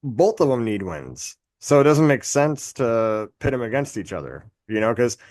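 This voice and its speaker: A man's voice: mid-range voice, lively intonation, normal speed, darkish tone, no room sound, clean studio sound. A man co-hosting a podcast in a casual chat, rambling, swearing and laughing at his own jokes. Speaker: podcast co-host.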